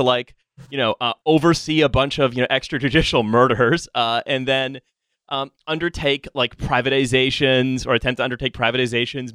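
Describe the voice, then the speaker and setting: A man's voice: medium pitch, fairly bright tone, clean tone, dry recording. A man hosting a podcast in casual chat, rambling with many fillers and restarts. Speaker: podcast host.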